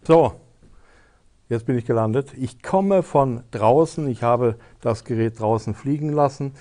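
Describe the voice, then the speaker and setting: A man's voice: medium pitch, unhurried, mellow. A man hosting a tech advice show, casually demonstrating a gadget step by step with frequent hesitation fillers.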